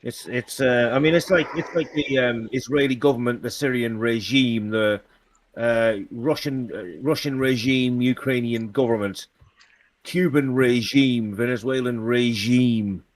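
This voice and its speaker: Halting man, casual chat. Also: mid-range voice, no room sound. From Britain. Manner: halting, many restarts, dry sarcasm.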